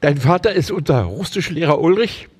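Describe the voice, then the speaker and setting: A man reading the lines of a quick-tempered, spirited young schoolgirl in his own barely changed voice. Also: medium pitch, animated, a little mellow, lightly acted. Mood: alarmed. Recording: reverberant hall.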